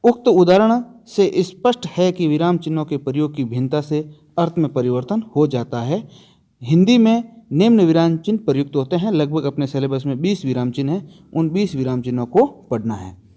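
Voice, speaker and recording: A man's voice: a little high, expressive, moderate pace, dark tone. A man teaching a grammar lesson for an exam, asking his students questions and answering them himself, stressing and repeating the key terms.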